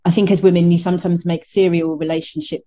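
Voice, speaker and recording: A middle-aged woman with a South London accent, chatting casually as an interview guest in a halting, self-interrupting way over a muffled remote call. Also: on the low side, flat delivery, dark tone, dry recording. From South London, England. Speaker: fitness instructor, interview guest.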